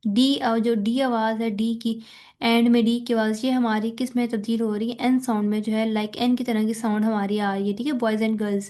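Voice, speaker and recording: A woman's voice: a little high, level tone, moderate pace, mellow. A woman with a Pakistani accent teaching a recorded lecture. She explains step by step, mixes in English terms and keeps checking in with students.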